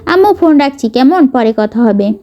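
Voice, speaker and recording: A woman's voice: high-pitched, expressive, moderate pace, mellow. A woman voicing a confident young man who teases his mother playfully on the phone. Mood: teasing. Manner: playful, lightly teasing. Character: teasing young man, confident soldier son.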